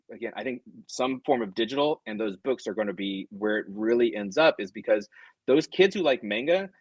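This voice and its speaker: A man's voice: medium pitch, husky, no room sound, rough recording. A middle-aged man, a comics writer guest, chatting casually and animatedly, drifting into tangents and acting out quoted customers. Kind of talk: casual chat.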